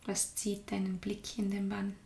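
A woman guiding a meditation in a calm, soft-spoken way, often sinking into a whisper. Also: medium pitch, a little slow, gravelly, echoey room. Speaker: meditation guide. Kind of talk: guided meditation.

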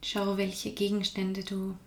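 A woman guiding a meditation in a calm, soft-spoken way, often sinking into a whisper. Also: medium pitch, slow, gravelly, reverberant. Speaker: meditation guide. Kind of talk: guided meditation.

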